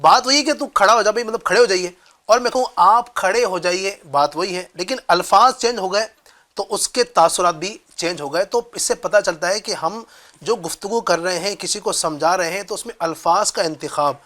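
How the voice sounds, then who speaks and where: A man's voice: high voice, a bit bright. A man telling a moral story on a religious talk show, often affirming his partner with short replies.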